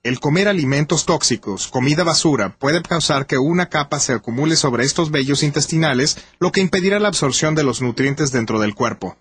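A man narrating a short scripted lesson in a calm, measured way. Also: a little high, breathy edge, dry recording.

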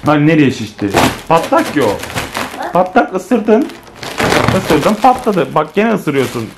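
Mom vlogging her kids on her phone at home, super animated voice, lots of playful teasing, bit of hiss behind. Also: low-pitched, measured pace, gravelly. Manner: animated, playful, teasing the child, addressing viewers as friends. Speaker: vlogging mother filming her children. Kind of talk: casual family vlog narration to viewers. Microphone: handheld phone camera.

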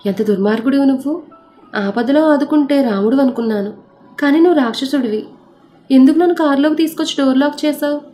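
A woman's voice: high voice, a little fast, mellow, soft background music, close to an everyday voice. A woman storyteller voicing a frightened but defiant, devout young woman who pleads and prays aloud. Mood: angry.

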